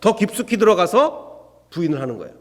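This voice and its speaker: A man's voice: sits high, fairly quick, big-room sound. A man preaching an expository sermon as a pastor, who asks his congregation rhetorical questions and acts out the people in the story. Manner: acts out the quoted speakers in a lively voice. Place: church sanctuary.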